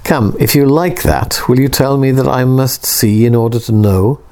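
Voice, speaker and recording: A man voicing a calm male poet who talks earnestly and reassuringly in a storybook reading. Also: medium pitch, moderate pace, lightly acted. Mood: persuasive. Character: calm, persuasive male poet, gently insistent.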